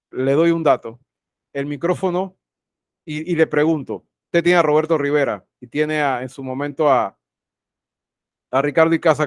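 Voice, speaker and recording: A man's voice: fairly high pitch, no room sound, studio quality. A man teaching an online class over a video call, who often repeats his phrases and puts questions straight to his students. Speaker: university teacher.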